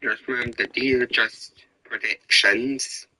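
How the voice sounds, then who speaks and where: A tired man giving casual, low-key commentary while playing a football video game, trailing off into whispered asides. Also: fairly even intonation, slow, pushed and bright, slight background noise, low-quality recording. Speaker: gamer.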